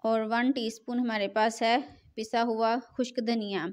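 A woman's voice: a little high, fairly even intonation, unhurried. A middle-aged woman, hosting a home cooking tutorial in a chatty, repetitive voice-over. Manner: chatty, repeats filler phrase "jo hai na". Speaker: cooking channel host.

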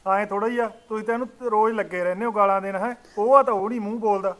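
A man's voice: high voice, fairly even intonation, racing, a bit bright. An actor playing an adult son who takes his sister-in-law's side and argues with his mother, in a village short-film drama. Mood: arguing. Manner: arguing, reasoning.

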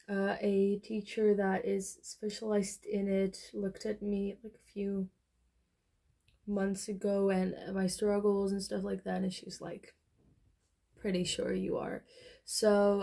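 A young adult beauty vlogger, Dutch being her first language, chats through a makeup tutorial in a small bedroom, rambling with plenty of fillers. Her medium-pitched voice is gravelly with a darkish tone.

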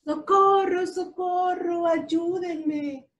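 A little blue toy truck cries out in a high, urgent squeak, voiced by a woman. The voice is loud and pitched well above her own. It belongs to a children's storybook. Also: fairly even intonation, drawn-out words, echoey room, lo-fi sound, full character voice. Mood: frightened. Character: little blue truck, small cheerful and brave. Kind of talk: storybook read-aloud.

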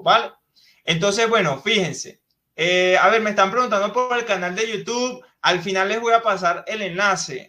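A man's voice: sits high, sharp tone. A man teaching a live online English class in Spanish, explaining step by step and often checking in with questions.

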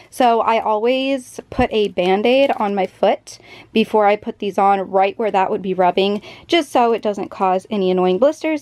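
A woman's voice: fairly high pitch, a little mellow, no room sound. Bubbly young woman vlogging casually. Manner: bubbly, chatty, gushing. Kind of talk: casual vlog chat.

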